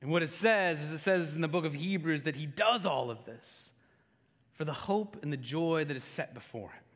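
A male pastor preaching a sermon, retelling scripture in casual everyday words and swinging from intense pleading to hushed, quiet delivery. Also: on the high side, normal speed, in a large hall. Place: church sanctuary.

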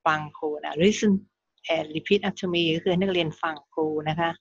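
A woman teaching young pupils English, slowly spelling out words letter by letter and repeating them patiently. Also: lowish voice, steady tone, creaky, slightly rough, no room sound, dull audio. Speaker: primary school English teacher.

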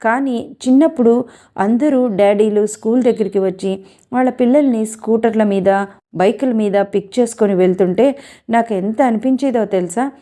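A woman's voice: fairly high pitch, moderate pace, warm tone, lightly acted. A woman reading the part of a young woman who earnestly speaks about the father who left her. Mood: wistful.

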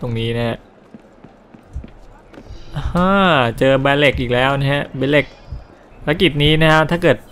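A man casually commenting over a game he plays, talking in a chatty, loose stream. He drops coarse slang and mild swears as he goes, at an ordinary middle pitch. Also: measured pace, pauses often, a bit bright, a little hiss or hum. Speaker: gameplay commentator. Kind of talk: casual let's-play commentary.

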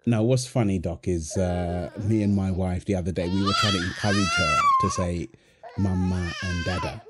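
A voice actor with a low voice and wildly swooping pitch performs a one-sided ASMR boyfriend roleplay at normal speed, playing a tender, playful young husband and doting father. He sounds pleased and chatty, soothing and teasing by turns. The recording is very noisy.

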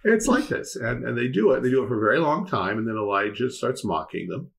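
A man hosting a casual Bible discussion, telling the story in a rambling, animated way with repeated words. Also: medium pitch, fast, gravelly. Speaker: host and Bible teacher.

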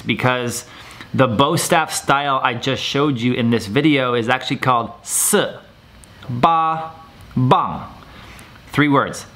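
A man's voice: mid-range voice, fairly bright tone. A young man, a martial arts instructor, explaining terms in a video lesson and repeating words for viewers to copy.

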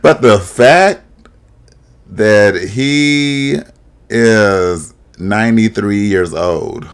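Recorded through a desk microphone and webcam in a small room, this young man's voice sits fairly low and sounds smooth, moving at a very slow pace. He hosts a reaction video, giving casual commentary full of sassy, shady jokes and frequent laughter.

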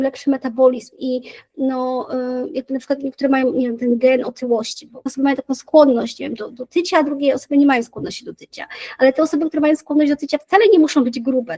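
A woman's voice: sits high, fairly even intonation, fast talker, dark tone, dry recording, poor audio. A woman psychologist in a casual, thoughtful chat about emotions, with many fillers and restarts. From Poland.

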